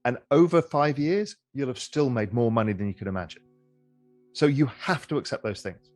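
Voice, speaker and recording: A middle-aged man speaks as an interview guest at a medium pitch, his voice swinging up and down in lively, animated contours. He talks conversationally, repeating and restarting phrases as he thinks aloud. Faint music plays softly behind him. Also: normal speed.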